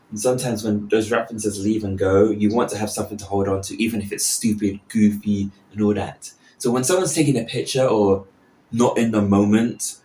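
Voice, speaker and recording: A man's voice: lowish voice, a little mellow. A man in his early twenties rambling casually and unscripted as a podcast host, often interrupting himself, recorded in an echoing bathroom. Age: early 20s. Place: small indoor bathroom. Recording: echoing bathroom, some background noise.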